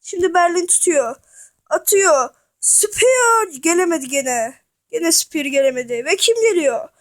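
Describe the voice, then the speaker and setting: A woman giving playful, excitable mock sports commentary over a wrestling video game, joking and talking to the characters. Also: very high-pitched, unhurried. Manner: loud and animated.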